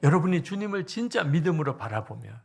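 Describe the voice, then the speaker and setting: A male pastor preaching a sermon in a church, telling stories dramatically and dropping often into breathy whispers. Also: on the high side, sing-song, fast.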